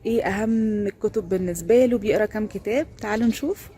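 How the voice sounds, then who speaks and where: A young woman with an Egyptian accent hosting a casual vlog, chatting and introducing the interviews. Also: medium pitch. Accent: Egyptian Arabic. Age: young adult. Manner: chatty, fast, friendly greeting. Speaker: host.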